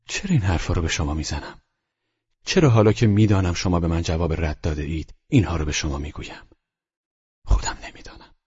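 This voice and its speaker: A man reading the part of a calm, earnest older doctor who speaks softly and often in a whisper. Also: deep voice, full character voice. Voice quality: husky. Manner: soft, hushed, often whispered. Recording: dull lo-fi recording.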